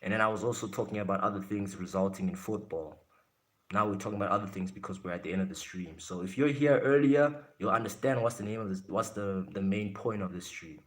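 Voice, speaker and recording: Speaking fast, a South African man with a fairly deep voice chats casually with his livestream viewers. He's brash and blunt, cursing and firing digs at people in the comments, keeping things relaxed and directed at the chat.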